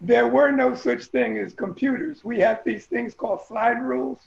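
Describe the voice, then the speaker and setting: Older man, high gravelly voice. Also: moderate pace, a little mellow, reverberant, muffled recording. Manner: wry, joking, addresses the group directly. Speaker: alumnus guest. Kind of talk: casual reminiscing.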